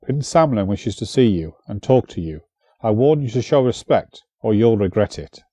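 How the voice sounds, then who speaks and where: A man's voice: fairly low pitch, expressive, normal speed, warm tone, breathy edge, dry recording. A man doing a harsh Welsh captain. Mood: stern. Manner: stern, commanding.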